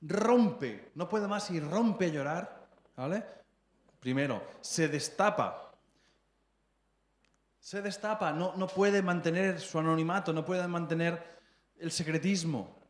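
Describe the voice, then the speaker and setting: A man's voice: on the high side, unhurried. A man in his thirties with a Spanish accent preaching a sermon, chatty and prone to repeating words as he checks in with the congregation. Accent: Spain. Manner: conversational, often checks in with the congregation; stumbles and repeats words while searching for phrasing. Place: church hall. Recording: echoey church hall.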